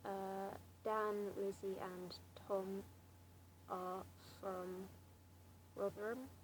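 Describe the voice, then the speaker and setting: A woman's voice: medium pitch, level tone, drawn-out words. Teen girl w southern english accent rambling to camera, kinda unsure and self-mocking, noisy home recording. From Slough, England. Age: late teens, seventeen. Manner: hesitant, self-deprecating, wry. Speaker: amateur vlogger answering a challenge. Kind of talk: casual rambling chat to camera.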